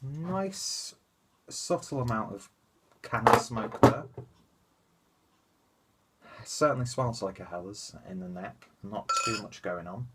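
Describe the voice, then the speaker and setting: Reviewing a beer on his webcam at home, this young man sounds congested and nasal, rambling along with lots of fillers and asides in a small indoor room. He speaks slowly at a lowish pitch, pausing often, against heavy background noise.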